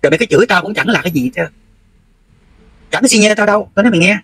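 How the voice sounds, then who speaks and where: A high-voiced, middle-aged man with a Southern Vietnamese accent, holding forth in a scolding, confrontational livestream rant. His voice is husky and a little rough at the edges. He presses each point bluntly, as if lecturing someone directly in front of him. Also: animated, very fast, fairly bright tone, no echo, poor audio. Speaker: livestream host.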